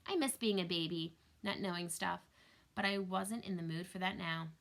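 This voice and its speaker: A young woman reads a children's novel aloud with a bright, clear tone and a touch of gravel at the ends of her phrases. She gives each character a lively voice of its own. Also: fairly low pitch, normal speed. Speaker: reader.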